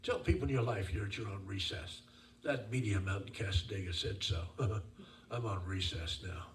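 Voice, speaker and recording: A man's voice: lowish voice, brisk. A man working as a seance medium, giving live spirit readings in an emphatic, repetitive, conversational way. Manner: addresses listeners as dear and sir, repeats phrases. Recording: roomy, distant mic, faint noise.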